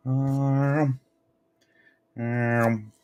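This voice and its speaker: A man hosting a card break, chatting casually and bursting out loudly as he calls out the cards he pulls. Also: mid-range voice, very slow, smooth. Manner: animated, bursts out loudly calling card names. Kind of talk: casual live card-opening chat.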